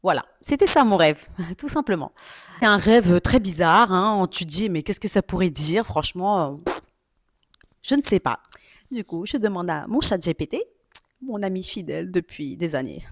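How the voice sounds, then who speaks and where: Lower-pitched woman confiding on her podcast. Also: expressive, moderate pace, dry recording, clean studio sound. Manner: chatty and confiding, with frequent hesitations. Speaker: podcast host. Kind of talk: personal storytelling podcast.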